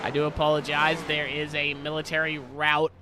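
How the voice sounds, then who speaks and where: A man calling a sim racing broadcast from home, apologetic and quick to correct himself on air. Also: on the high side, monotone, noisy background. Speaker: sim racing play-by-play commentator. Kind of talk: live race commentary. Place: home, helicopters overhead.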